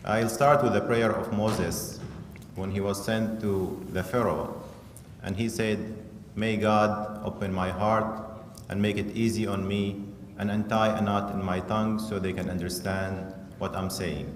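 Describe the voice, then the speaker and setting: A man's voice: lowish voice, steady tone. Middle-aged Syrian-born man in a hall. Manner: earnest, measured speaking with some restarts. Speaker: council chairman, featured speaker. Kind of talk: speech at an interfaith dinner. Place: large banquet hall. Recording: echoey hall with faint room noise.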